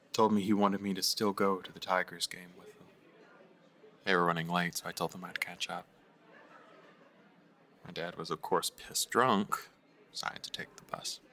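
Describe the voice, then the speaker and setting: A guilty young man in an audio drama; low, bright voice, soft and halting, drops to near-whispers. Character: guilt-ridden young man, former friend. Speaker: [name].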